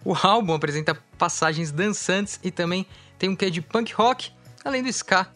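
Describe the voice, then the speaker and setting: Chatty male radio host, higher voice. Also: lively intonation, normal speed, sharp tone, soft background music. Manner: easygoing, chatty, thinks aloud with self-corrections. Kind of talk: casual radio chat introducing songs.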